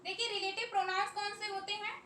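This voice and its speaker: A very high-pitched woman with an Indian accent teaches a classroom grammar lesson, slowly drilling lists of words and repeating each one. Her voice is bright and carries, and she sounds distant from the mic in an echoey room with faint noise behind her. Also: steady tone. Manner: slow, repetitive drilling of word lists.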